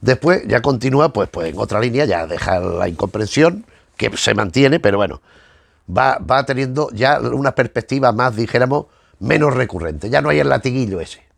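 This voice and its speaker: Flipping through comics, a male reviewer on his channel talks casually and hesitantly, frequently repeating words while he gathers his thoughts. He has an expressive, creaky mid-range voice and keeps a moderate pace. There's no room sound.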